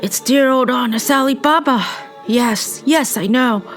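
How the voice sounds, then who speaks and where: A woman voicing Scrooge, an old man, excited and caught between laughing and crying. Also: sits high, measured pace, faint music behind, voice pushed up. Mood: ecstatic.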